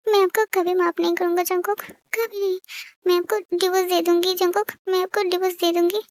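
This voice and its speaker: A tearful, wounded young spouse, as a woman voices them in a fan-fiction story. The pitch is very high and the sound is dry and close. The spouse protests through tears. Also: little pitch movement, brisk, no room sound. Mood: hurt.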